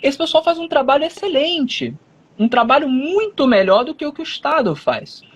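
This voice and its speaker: A man from Rio de Janeiro state with a Rio Brazilian accent, answering as an interview guest in a measured, explanatory way with frequent fillers. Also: very high-pitched, big pitch swings, dull audio. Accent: Rio de Janeiro Brazilian Portuguese.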